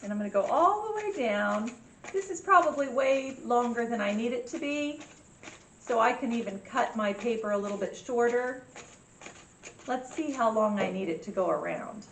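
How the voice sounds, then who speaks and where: A woman presenting a step-by-step craft tutorial for children, with simple instructions and a cheery children's-host way of talking. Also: fairly high pitch. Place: indoor room with echo. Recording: echoey room with faint background noise.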